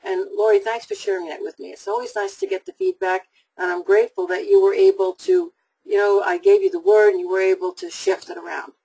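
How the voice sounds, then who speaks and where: A woman's voice: mid-range voice, big pitch swings, brisk, warm tone, slightly rough, low-quality recording. A woman hosting a live call-in psychic webinar, giving readings to callers in an upbeat, reassuring way.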